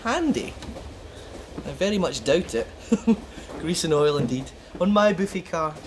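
A man's voice: a little high, animated, unhurried, background noise. A chirpy, fussy buffet-car man. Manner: chirpy and sing-song, full of chuckles. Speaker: train buffet worker.

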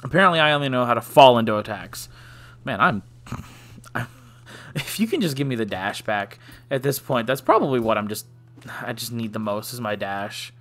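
A man's voice: medium pitch, expressive, normal speed, long pauses, a bit bright. A man giving casual let's play commentary, joking and self-deprecating, often sighing. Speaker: gaming channel host.

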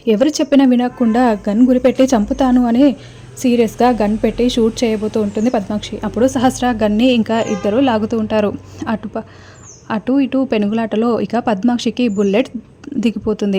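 A woman's voice: a little high, fairly even intonation, brisk, dark tone, slight background noise. A woman with a Telugu accent narrating a recap of a TV serial episode, retelling plainly with frequent restarts.

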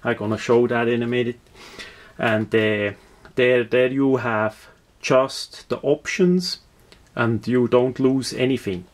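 Man, Swiss accent, slow pace, medium pitch, halting unscripted product review, repeated words. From Switzerland.

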